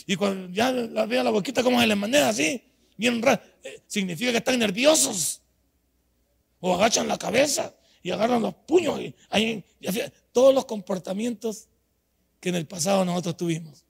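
Gravelly older male preacher. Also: high-pitched, a little fast. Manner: storytelling, swings from quiet to shouting. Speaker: pastor. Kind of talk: sermon.

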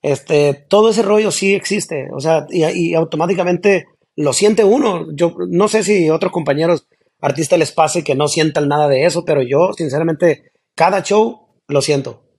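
A singer chatting as a guest in an interview, relaxed and laughing easily, with slangy talk. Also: male voice, on the high side, normal speed, husky. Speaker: singer of a regional band, guest. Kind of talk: casual interview chat.

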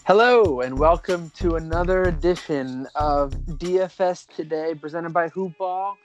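A man hosting a casual sports podcast, relaxed and upbeat, talking with filler words and restarts. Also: on the high side, measured pace, faint music behind. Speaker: podcast host. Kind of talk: casual sports betting talk. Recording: dry, dull lo-fi sound.

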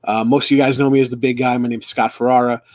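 A man's voice: mid-range voice, level tone, fast, a little mellow, no room sound. A man hosting a casual live stream for a sports fan club, rambling with lots of fillers and restarts.

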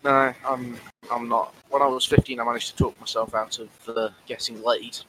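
Podcast co-host, man, mid pitch, halting storyteller full of ums, faint noise. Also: level tone. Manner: hesitant, rambling with many restarts and ums. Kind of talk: casual podcast chat.

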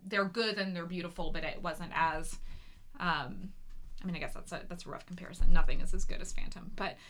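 A bright, chatty woman co-hosting a podcast, who giggles often and breaks into hummed or sung snippets. She talks in a relaxed, casual way with a clear, bright tone. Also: fairly low pitch, brisk. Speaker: podcast co-host, playwright. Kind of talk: casual chat.

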